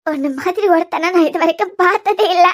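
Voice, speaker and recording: A wounded, bitter young wife in a homemade cartoon serial, voiced by a woman. Her voice sits extremely high and thin, and she speaks in a Kanyakumari Tamil accent, soft and tearful, with a reproachful edge. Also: fast.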